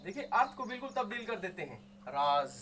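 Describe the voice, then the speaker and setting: A man's voice: extremely high pitch, big pitch swings, quick pace, sharp tone, a little hiss or hum. A man teaching Hindi grammar, sounding out each word and repeating it patiently, asking and answering his own questions. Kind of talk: explaining Hindi grammar to students.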